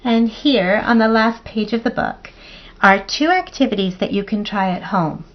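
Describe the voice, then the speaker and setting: A woman teacher reading a picture book aloud to young children in an expressive, playful way, counting along. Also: mid-range voice, moderate pace, dull audio.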